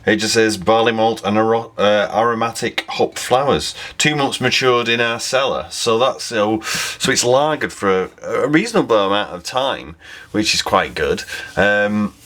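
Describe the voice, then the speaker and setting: A man with a fairly low voice talks through a beer review at home. He is easygoing and chatty, thinking out loud as he goes and stopping to correct himself. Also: moderate pace. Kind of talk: casual beer review vlog.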